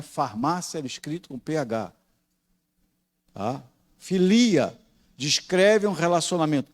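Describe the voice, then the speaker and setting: Brazilian pastor guy teaching bible class, voice a bit high, explains step by step and keeps checking everyone's following. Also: darkish tone. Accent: Brazilian Portuguese. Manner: slows down and stresses key words.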